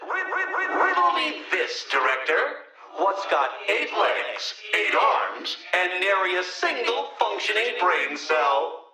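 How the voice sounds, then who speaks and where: Theatrical high-pitched smug riddling villain, the Riddler. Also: male voice, very animated, slow, over music, full character voice. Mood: taunting, smug. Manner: condescending, taunting, theatrical enunciation. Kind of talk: scripted video game villain voice lines.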